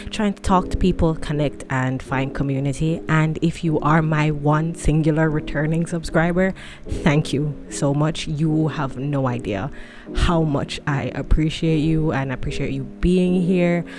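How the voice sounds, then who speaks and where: A woman in her late twenties from a tropical country vlogs at home, talking casually to the camera over music with a fan whirring nearby. Her voice sits low and unhurried as she rambles and pokes fun at herself.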